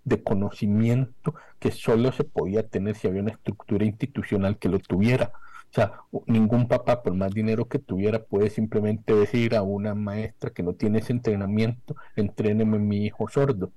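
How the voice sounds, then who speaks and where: A young Costa Rican man joins a radio interview over a remote connection, his voice low and darkly mellow. He speaks articulately with soft, dropped s sounds. The sound is dry and close. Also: steady tone, moderate pace, no room sound, poor audio. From Costa Rica. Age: young adult. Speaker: economist guest. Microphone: remote video call.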